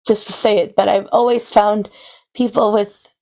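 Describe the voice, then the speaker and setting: A woman's voice: mid-range voice, level tone, moderate pace, darkish tone. A young adult woman chatting casually, hesitant and full of fillers as she says she will sit in and listen. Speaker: listener sitting in. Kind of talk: casual chat.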